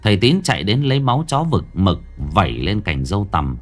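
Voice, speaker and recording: A man with a low voice tells a ghost story, his pitch rising and falling with lively drama. Faint music plays softly behind him. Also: a little fast. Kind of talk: horror story narration.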